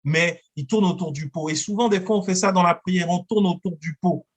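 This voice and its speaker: A man's voice: sits high, brisk. A man preaching a sermon as pastor, earnest, often acting out prayers and little dialogues in his own voice.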